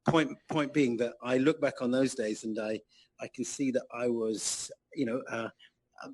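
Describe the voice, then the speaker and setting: A man in his sixties tells anecdotes as a podcast guest. His voice is husky. He tells them in an animated, self-mocking way. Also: medium pitch, normal speed. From England. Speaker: guest musician. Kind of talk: anecdotal interview chat.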